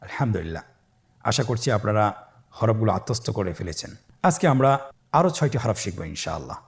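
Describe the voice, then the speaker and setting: With a lowish voice and a fast delivery, a man with a Bangladeshi accent patiently walks listeners through the Arabic letters used in Quran reading. He lengthens each letter sound for them to repeat, and background music plays under his voice.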